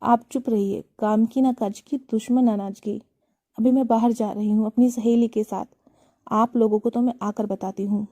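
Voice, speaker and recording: A woman voicing a harsh young daughter-in-law who shouts contemptuously at her in-laws. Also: fairly high pitch, steady tone, moderate pace, no room sound. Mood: scolding.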